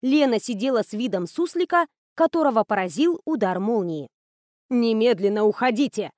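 A woman narrating a novel as an audiobook, in a brisk, ironic storytelling manner on a close mic. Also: on the high side, big pitch swings, no room sound.

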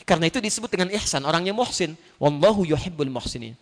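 A man preaching a sermon, telling stories and acting out the dialogue with big swings in his voice. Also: fast. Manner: animated storytelling, acts out dialogue with big pitch swings. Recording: reverberant hall.

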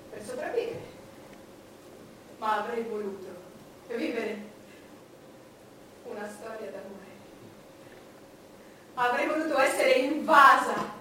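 An actress playing a proud, bitter, lonely queen starved of love, in a declamatory theatrical monologue with deliberate phrasing and dramatic pauses. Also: sits high, a bit bright. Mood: wistful, regretful, then impassioned, frenzied longing. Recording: very echoey, distant stage recording with noise.

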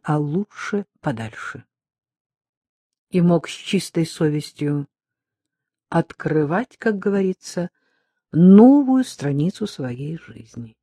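Slow, husky, subdued audiobook narration. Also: medium pitch, mellow, no room sound, studio quality. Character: forty-year-old man telling of his loss. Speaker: audiobook reader. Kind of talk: first-person literary narration.

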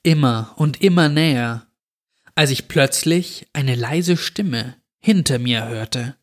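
Slow German male horror narrator. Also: medium pitch. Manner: slow, measured storytelling. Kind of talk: horror story reading.

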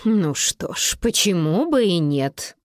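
Woman doing a calm, firm mother. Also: dry recording, studio quality. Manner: lower, measured, soothing. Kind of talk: audiobook character voice.

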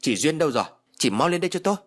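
A man voicing a harsh, domineering old mother-in-law who scolds and shouts in an audiobook. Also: mid-range voice, big pitch swings, fast talker, husky. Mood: furious scolding. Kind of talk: audiobook character voice.

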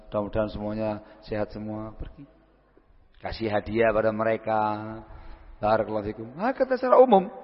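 A man preaching and answering questions at a religious gathering, lively and acting out short everyday conversations as he teaches. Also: lowish voice. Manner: lively, acts out short everyday dialogues, frequent Arabic phrases. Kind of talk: lecture-style Q&A sermon. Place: large hall at a study gathering. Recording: dull lo-fi sound, long hall reverb.

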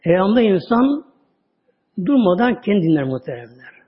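Lively high-pitched man giving a religious talk. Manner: lively storytelling, drawn-out words, sudden drops to a low voice. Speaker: religious teacher. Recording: dull lo-fi audio recording.

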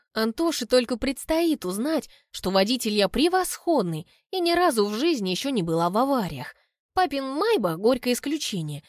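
Lively young woman reading a novel. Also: fairly high pitch, dry recording, clean studio sound. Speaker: audiobook narrator. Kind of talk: first-person novel narration.

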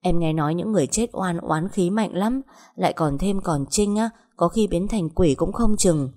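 Woman, low voice, first-person story narration, steady telling. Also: normal speed.

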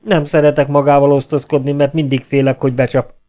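A man reading an audiobook, voicing a gruff, grumbling legion sergeant who blusters and threatens. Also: mid-range voice, flat delivery, dark tone, dull audio, faint music behind, natural voice.

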